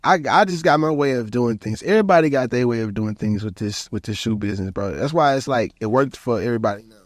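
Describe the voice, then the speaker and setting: A man's voice: mid-range voice, quick pace, dry recording. A man, hosting a casual podcast and telling stories in slang, leaning on "bro". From Houston, Texas. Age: 30s. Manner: animated storytelling, slangy, repeats "bro". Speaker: podcast host.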